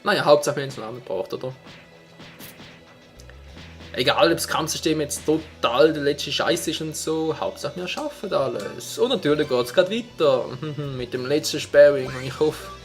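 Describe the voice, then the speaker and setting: A man with a Swiss German accent commentates a video game as he plays. His voice sits a little high and swings widely in pitch as he exclaims and swears at the action, with music faintly behind him. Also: expressive, normal speed. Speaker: gaming let's player. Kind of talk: excitable gameplay commentary.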